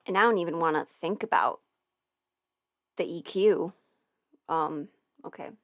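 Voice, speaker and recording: A woman with a lowish, slightly bright voice talks a bit slowly while livestreaming casually from home, rambling and muttering as she adjusts her settings. The audio performer is alone in her house, and the studio mic through an audio interface gives studio quality with no echo.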